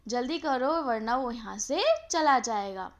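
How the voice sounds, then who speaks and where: A woman voicing a big brown bird that shouts hurried warnings to robbers in a storybook lesson. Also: a little high, lively intonation. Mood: urgent.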